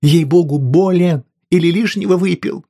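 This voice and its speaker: A man reading an audiobook, voicing an excitable, pious innkeeper's wife with raised, indignant outbursts and a raspy voice. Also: mid-range voice, moderate pace. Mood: alarmed. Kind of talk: audiobook character voice.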